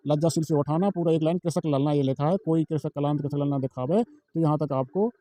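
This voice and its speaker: Fast-talking male exam tutor. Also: on the high side, mellow, no echo. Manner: repetitive, asks and answers his own questions; walks through a page, pointing at lines. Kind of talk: informal exam-prep tutorial.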